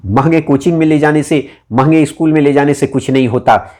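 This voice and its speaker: A man's voice: on the high side, fairly quick, darkish tone. A man giving an earnest motivational talk to parents as an education coach. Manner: earnest and exhortative, addresses listeners as friends.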